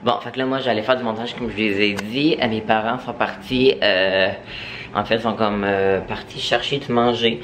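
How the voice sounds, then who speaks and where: A man's voice: lowish voice, steady tone, moderate pace, fairly bright tone, a little hiss or hum. Chatty young man with a Quebec accent. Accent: Quebec French. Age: young adult. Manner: chatty, full of fillers and hesitations. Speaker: vlogger. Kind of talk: casual vlog chat. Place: at home, indoors. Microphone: camera.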